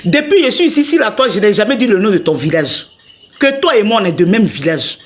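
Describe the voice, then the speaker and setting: A woman's voice: mid-range voice, big pitch swings, fast. A middle-aged woman hosting a live stream, ranting angrily at a rival and talking straight to her viewers. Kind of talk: heated live-stream rant.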